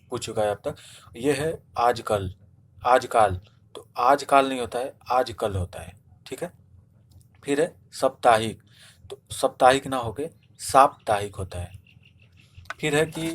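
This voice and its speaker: A man's voice: medium pitch, slight background noise. A man teaching a spelling lesson for exam preparation, explaining step by step and answering his own questions. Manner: repeats "theek hai" often. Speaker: Hindi teacher. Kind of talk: online exam-prep lesson.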